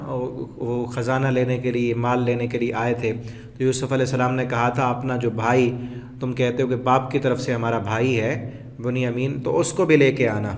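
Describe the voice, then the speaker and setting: Man, quran teacher, word-by-word translation lesson, arabic recitation then plain explanation, hesitant fillers, mid pitch. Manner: hesitant fillers between phrases.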